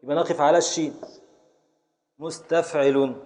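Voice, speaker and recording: A man's voice: on the high side, steady tone, moderate pace, dark tone. Brief: Egyptian Arabic male scholar, raised voice, drilling students on poetic meter in class. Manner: quizzing students, scanning verse syllable by syllable. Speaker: Islamic scholar teaching Arabic grammar and prosody. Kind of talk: classroom lesson.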